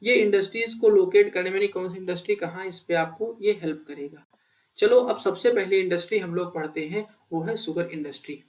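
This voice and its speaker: A man with a high voice walks students through an exam-prep lesson. He asks his own questions and answers them in a chatty, conversational way. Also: a little fast. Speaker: teacher. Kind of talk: explanatory exam-prep lecture.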